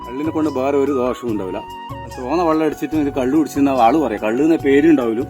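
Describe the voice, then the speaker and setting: A toddy tapper from the Kannur region of Kerala, India, talks informally and hands-on about his trade, his northern Kerala Malayalam accent clear as he races along at medium pitch. Instrumental music plays behind his voice.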